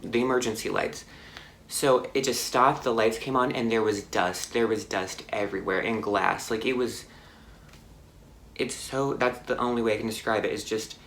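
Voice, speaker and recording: A young man telling a car crash story on his vlog, halting and shaken, with many fillers and restarts. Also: mid-range voice, gravelly, fairly bright tone, slight background noise. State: anxious, shaken. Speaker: vlogger.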